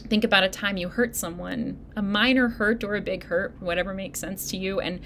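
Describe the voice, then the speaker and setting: A woman pastor giving a sermon, speaking in a gentle, encouraging way straight to her listeners. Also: medium pitch, steady tone, fairly quick, a little hiss or hum. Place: church video recording.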